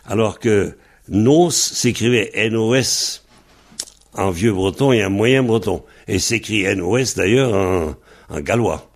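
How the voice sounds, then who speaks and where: Slow, patient male language teacher. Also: fairly low pitch. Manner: patient, spells words letter by letter. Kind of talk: slow spelled-out language lesson.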